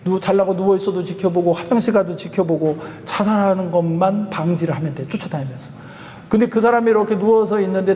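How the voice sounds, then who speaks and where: A man preaches in a church, his voice high and bright as he spins a story in an easygoing, animated way. His words ring out in a long church reverb over a faint background hiss. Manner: chatty, animated storytelling with laughs. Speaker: pastor. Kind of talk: sermon storytelling. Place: church sanctuary.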